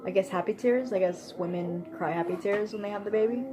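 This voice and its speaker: A woman's voice: medium pitch, brisk, music in the background, low-quality recording. A young woman vlogger telling a personal story in a casual, chatty way, laughing often and using lots of fillers.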